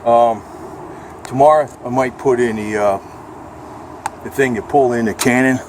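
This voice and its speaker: With a mid-range, steady, slightly mellow voice, an American man talks a little slowly in a rambling homemade vlog. As an amateur video blogger, he's informal and salty in a matter-of-fact way, and the noisy recording carries vehicle ambience.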